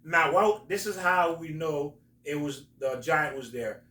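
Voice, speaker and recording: A man hosting a talk, explaining religious stories in a halting, emphatic storytelling way. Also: on the high side, expressive, sharp tone. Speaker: host, religious teacher. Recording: roomy echo, distant from mic.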